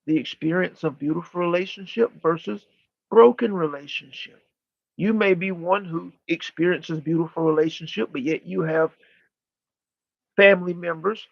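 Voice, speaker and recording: A man leads a live spiritual session like a seance medium, channeling teachings as a guide in deliberate, formal, emphatic phrases with pauses and repetition. His voice is high and creaky, and the recording is muffled and dry.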